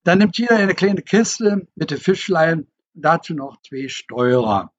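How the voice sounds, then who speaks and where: A man voicing a hearty, teasing old fisherman who talks in a booming, folksy dialect, on a dull lo-fi recording. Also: expressive, unhurried, slightly rough. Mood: bossy cheerful.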